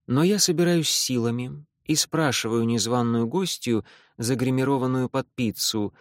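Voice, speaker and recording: A man narrating an audiobook in the first person, wry and deadpan. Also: medium pitch, no room sound, studio quality.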